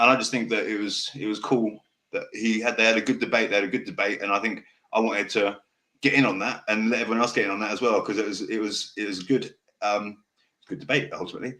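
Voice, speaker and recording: Male podcast host, lowish voice, w-for-r speech, direct and passionate, unscripted and rambling, sweary. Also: a bit bright. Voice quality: can't pronounce R's properly, saying w for r. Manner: fast, direct, passionate delivery that can sound angry; rambling, loses his thread and restarts. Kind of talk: off-the-cuff casual monologue.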